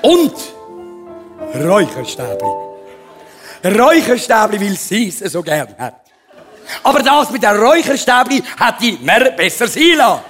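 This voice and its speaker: A man's voice: high-pitched, big pitch swings, moderate pace, fairly bright tone, faint music behind. A man with a Swiss German accent doing a stand-up comedy monologue, a comic storyteller who talks about himself in the third person.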